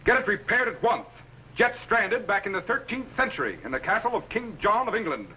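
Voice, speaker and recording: An actor playing an urgent, authoritative scientist captain in 1950s television science fiction, giving clipped orders. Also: male voice, high voice, animated, fairly quick, bright, forceful tone. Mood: grave, urgent. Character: commanding, urgent middle-aged male scientist captain. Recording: noisy old 1950s television soundtrack.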